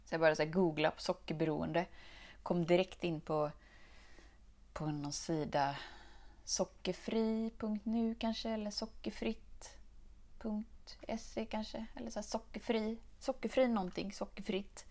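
Animated Swedish woman podcasting solo. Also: lowish voice. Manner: animated, laughs often, acts out her own thoughts in quotes. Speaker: podcast host. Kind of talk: casual solo podcast monologue.

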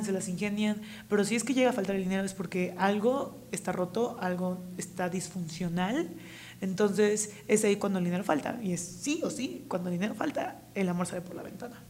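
A young woman with a Mexican accent co-hosting a podcast, talking in a lively, slangy way and laughing often. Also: medium pitch, fairly quick, slight background noise. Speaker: podcast co-host. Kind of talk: casual chat.

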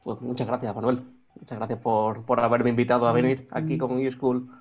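A man in his thirties from Extremadura, Spain, speaks with that region's accent as a guest in a remote interview. His medium-pitched voice is monotone and a little fast, he hesitates with many restarts and fillers, and the audio sounds dull.

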